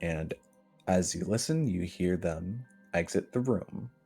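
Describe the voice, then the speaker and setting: A man narrating a tabletop game as game master in a measured way, with frequent fillers. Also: low voice, vocal fry, dark tone, slightly rough, faint music behind.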